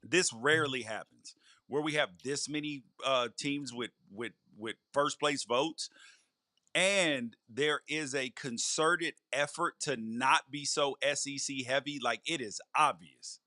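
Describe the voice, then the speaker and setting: A man's voice: mid-range voice, unhurried, pushed and bright, no room sound, studio quality. A man co-hosting a college football podcast, casually dismissive and repeating himself as he argues. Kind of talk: casual sports debate.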